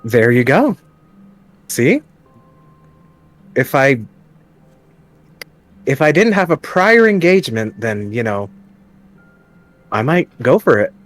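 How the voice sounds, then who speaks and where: A man's voice: medium pitch, sing-song, slow, pauses often, soft background music. A man playing his character in a tabletop game, coaxing and scheming in a playful way. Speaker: player.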